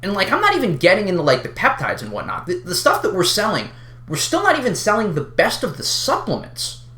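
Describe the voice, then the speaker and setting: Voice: mid-range voice, huge pitch swings, fairly quick, pushed and bright, echoey room. Someone on an exasperated, wild rant straight to the listener, casual, sweary and sarcastically emphatic, in an unscripted video. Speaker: online video creator addressing a community.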